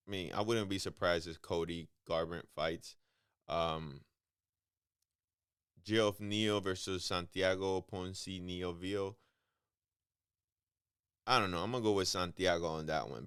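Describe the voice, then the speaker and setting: A man with a low, smooth voice hosts a casual podcast on his own. He rambles, swears freely and fills the gaps with ums and bro. The sound is dry and close, with no room around him. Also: measured pace, long pauses, fairly bright tone, no echo. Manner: profane, rambling, calls listeners bro; loose, hesitant delivery with many ums. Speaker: podcast host.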